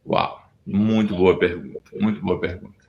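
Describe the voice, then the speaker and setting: A man's voice: low voice, normal speed, highs cut off. A middle-aged Brazilian man with a Pernambuco accent, a pastor telling his story earnestly in an interview, often restarting his sentences. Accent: Pernambuco Brazilian Portuguese. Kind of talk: testimony interview.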